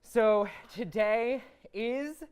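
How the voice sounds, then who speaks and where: A woman's voice: a little high, extremely slow, darkish tone, smooth. Chatty young woman co-hosting. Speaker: co-host. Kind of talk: casual studio chat.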